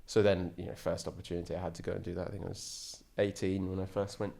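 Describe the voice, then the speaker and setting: Deep-voiced man, chatty guest. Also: flat delivery, quick pace, vocal fry, warm tone. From England. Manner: enthusiastic, rambling with frequent restarts. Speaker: podcast guest, ocean sailor. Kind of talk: casual interview chat.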